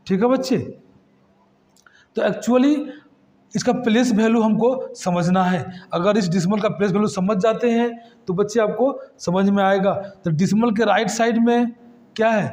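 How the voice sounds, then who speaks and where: Male math tutor, high voice, patient question-and-answer classroom delivery. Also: a little mellow. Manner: addresses students as kids, asks and answers his own questions.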